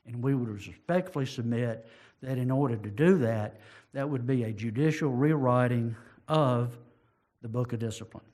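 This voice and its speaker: A man delivers a formal legal argument in measured, deliberate phrases. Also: mid-range voice, a little mellow. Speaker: lawyer arguing for petitioners.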